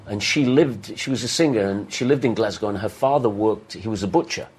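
A man's voice: lowish voice, brisk, a little mellow, slightly rough. An older man, chatting as a guest and telling joking stories. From England. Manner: joking anecdotal storyteller. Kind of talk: casual chat.

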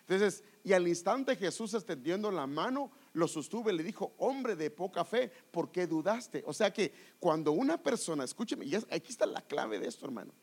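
High-voiced man preaching. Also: very animated, fairly quick, hardly any pauses, slightly rough. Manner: explanatory, addresses listeners as brother. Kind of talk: sermon teaching from scripture.

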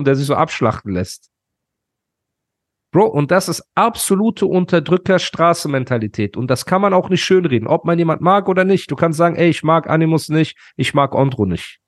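A man's voice: fairly high pitch, no echo, clean studio sound. A man hosting a podcast, ranting heatedly in casual slangy talk. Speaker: podcast host.

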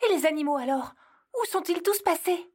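A woman's voice: very high-pitched, expressive, moderate pace, voice pushed up. A woman voicing an anxious, cautious female Christmas elf who worries constantly. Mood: worried. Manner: worried, fretful.

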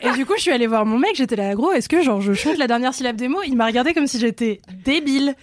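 A woman chatting on a live stream and telling a story in a casual way. She draws out and sings the last syllable of her words. Her voice sits a little high. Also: lively intonation, fast talker, slight background noise. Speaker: guest co-host.

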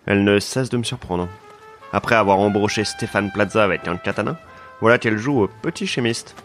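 A man narrating a comic detective story in a deadpan, mock-serious way. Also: on the low side, brisk, soft background music. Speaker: narrator and lead of a comedy podcast. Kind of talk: scripted comedic detective narration.

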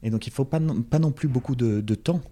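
A man's voice: medium pitch, a little fast, dark tone. A young man from France with a French accent, talking as an interview guest with many fillers and restarts. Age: young adult. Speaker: guest, former campaign organizer. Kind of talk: casual interview.

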